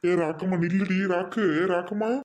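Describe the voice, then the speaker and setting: A man voicing a bossy, drunken cartoon husband who barks orders gruffly. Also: high-pitched, steady tone, brisk, darkish tone, close to an everyday voice. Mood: pleading. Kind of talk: cartoon voice acting.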